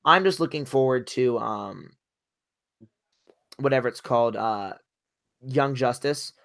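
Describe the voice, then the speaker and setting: A man's voice: medium pitch, measured pace, gravelly, fairly bright tone, dry recording, clean studio sound. A young man co-hosting a podcast, talking in an eager, rambling way about his favorites. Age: young adult. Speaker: podcast co-host. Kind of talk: casual chat.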